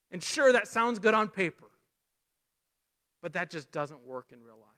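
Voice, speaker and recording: A man preaching a lesson, animated, rising loud for emphasis and dropping low and quiet for key points. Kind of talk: sermon lesson.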